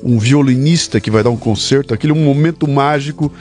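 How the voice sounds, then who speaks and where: Fast-talking male podcast host. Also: mid-range voice, darkish tone, soft background music. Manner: fast, reflective, uses fillers and repeats words. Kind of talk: conversational interview.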